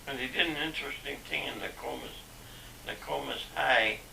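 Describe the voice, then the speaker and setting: Older man on gravelly old VHS tape. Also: medium pitch, sharp tone. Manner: halting, with many fillers and restarts. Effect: old VHS home video sound. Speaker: father being interviewed. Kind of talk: reminiscing home interview. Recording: echoey, distant, hissy VHS tape.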